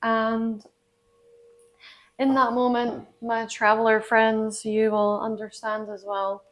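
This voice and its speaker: A woman's voice: a little high, flat delivery, a little slow. Bubbly woman vlogging. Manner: bubbly, gushing, self-mocking. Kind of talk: casual excited vlog talk.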